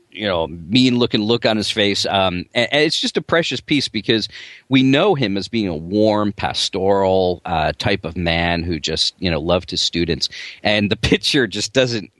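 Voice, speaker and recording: A man with a New Jersey accent, chatting casually on a podcast as a journal editor, halting with many fillers and restarts. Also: sits low, fairly bright tone, dry recording.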